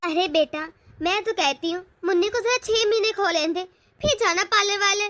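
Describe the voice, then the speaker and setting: A woman's voice: very high voice, normal speed, dry recording. A woman voicing the caring, protective mother of a young bride in a cartoon. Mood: fussing. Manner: warm, coaxing, motherly. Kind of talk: cartoon voice acting.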